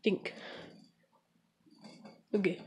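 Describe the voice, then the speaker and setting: Slow, rambling young woman gamer vlogger. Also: a little mellow, rough recording. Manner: jokey, offhand, calls viewers comrades in a mock Russian voice. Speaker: gaming channel host. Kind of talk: casual rambling vlog.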